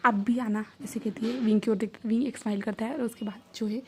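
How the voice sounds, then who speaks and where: A woman casually retelling a romance fan story, soft and half-whispered, rambling with repeated words. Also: fairly high pitch, steady tone, quick pace, slight background noise.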